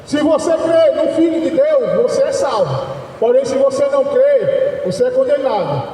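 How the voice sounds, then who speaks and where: A man preaches a fiery street sermon in a very high, mellow voice. He shouts his points and keeps checking in with a questioning "né?". The sound is distant and heavily echoey, with a long reverb and faint ambience behind him. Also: lively intonation, moderate pace, a little hiss or hum. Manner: shouting, insistent, repeats "né?".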